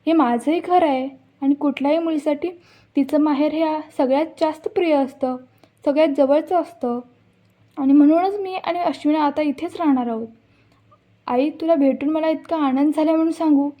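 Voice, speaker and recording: A woman's voice: high-pitched, steady tone, moderate pace, warm tone, natural voice. A woman reading the lines of a young married woman pleading with her mother, in a plain retelling voice. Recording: dull lo-fi recording.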